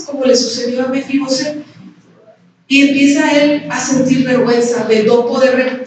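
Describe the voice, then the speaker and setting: A woman pastor with a Mexican Spanish accent preaching at a women's conference, talking conversationally and asking the audience questions. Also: high voice. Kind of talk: sermon. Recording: very echoey hall, distant mic, faint noise.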